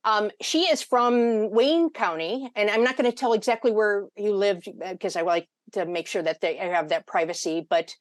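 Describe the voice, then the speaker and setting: A woman's voice: mid-range voice, normal speed, few pauses, dry recording. A woman hosting an informal online panel, speaking in a chatty, rambling way as she moderates. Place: online video meeting.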